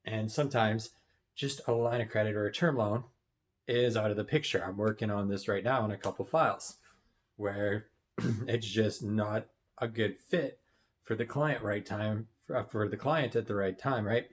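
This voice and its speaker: A man, a business financing coach, talking casually to camera, often tagging "right?" and clearing his throat while wearing headphones. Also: lowish voice, moderate pace. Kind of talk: casual motivational talk to camera.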